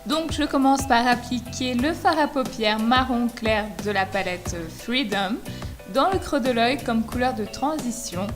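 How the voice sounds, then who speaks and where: Female tutorial voice-over, calm and enthusiastic, slightly high, over clear music. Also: unhurried. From France. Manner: steady, explanatory, enthusiastic about products. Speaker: beauty vlogger.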